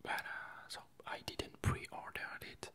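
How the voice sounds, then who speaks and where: Games and films are the topic of this casual whispered ASMR ramble. The creator's soft, breathy, unvoiced voice moves at an unhurried pace, halting while groping for words.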